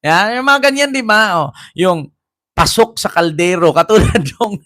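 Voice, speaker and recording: Male commentator, slow, mocking delivery, dry close sound, frequent laughter. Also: high-pitched, lively intonation, bright, forceful tone, no room sound. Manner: mocking, laughs often, reads viewer comments aloud. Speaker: commentary vlogger. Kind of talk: casual commentary over clips.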